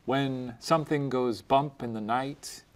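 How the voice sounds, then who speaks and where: A young man co-hosting in a dark studio, riffing playfully with mock-heroic bits. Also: medium pitch, steady tone, a little slow. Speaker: co-host. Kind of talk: casual chat.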